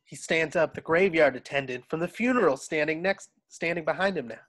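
Over a video call from home, a man handles the stage directions at a casual online script reading. He sounds brisk, a bit bright, and a little high.

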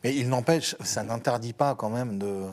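A man's voice: medium pitch, normal speed, a little mellow. A man on a discussion panel who talks in a wry, hesitant way with many fillers. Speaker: panel guest.

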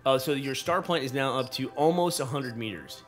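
A man's voice: mid-range voice, fairly quick, faint music behind. A man co-hosting a kids' gameplay show, chatting casually with his son as they play. He is curious and playful, asks lots of questions and cheers his son on.

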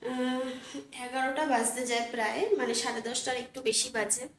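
A woman with a hoarse, sore voice chatting casually to her viewers as a lifestyle vlogger. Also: fairly high pitch, little pitch movement, brisk, echoey room. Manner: chatty, addresses viewers as friends. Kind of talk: casual vlog chat to viewers.

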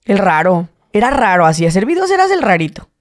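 As a guest in a casual interview, a Tijuana man in his late twenties talks a little fast in a northern Mexican accent. His stories are animated, and he mimics people by slipping into high voices.

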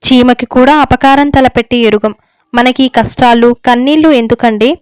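A woman's voice: fairly high pitch, normal speed, smooth, dry recording, close to an everyday voice. A woman reading the lines of an anxious older mother who pleads with her husband for her son. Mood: pleading. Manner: pleading, tearful. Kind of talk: story reading.

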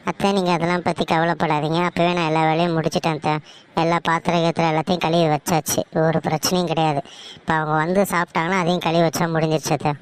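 A woman's voice: low voice, level tone, fast talker, smooth, close to an everyday voice. A woman voicing a polite, earnest young wife and daughter-in-law in a cartoon story, with a Tamil Nadu accent. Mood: reassuring.

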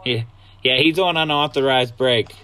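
A man's voice: medium pitch, moderate pace, bright, forceful tone, clear, resonant tone. A man streaming a game, talking into his phone mic in a laid-back way and greeting viewers in chat. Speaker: gaming streamer. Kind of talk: casual gaming stream chat.

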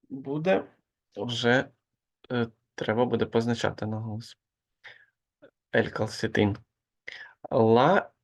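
Slow, gravelly male language teacher. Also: mid-range voice. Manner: slow, patient explaining with hesitant fillers. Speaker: Spanish teacher. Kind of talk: online grammar lesson.

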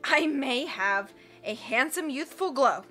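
For an audiobook, a woman takes on a snarling villain, a greedy, blustering middle-aged man who growls, sneers, and roars at everyone. She sounds bright and forceful, on the high side, with lively intonation at a moderate pace, and soft background music plays.

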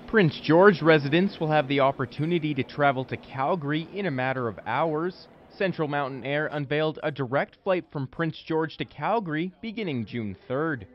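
A man's voice: fairly high pitch, normal speed, few pauses, lo-fi sound, slight background noise. A young man with a Canadian accent reading a scripted television news report.

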